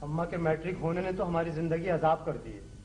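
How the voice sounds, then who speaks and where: A man's voice: fairly high pitch, lively intonation, brisk, a crowd in the background, close to an everyday voice. An actor playing a pretentious young male poet who speaks in an ornate, declaiming manner, in a classic television comedy drama. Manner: flowery, declaiming. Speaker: poet son. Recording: echoey room.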